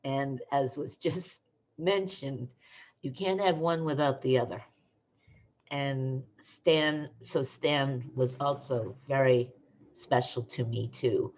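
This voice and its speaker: A low-voiced woman speaks slowly and tearfully about dear friends at a memorial. Her video call audio is dull and muffled. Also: darkish tone. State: tearful, emotional. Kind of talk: unplanned emotional remembrance.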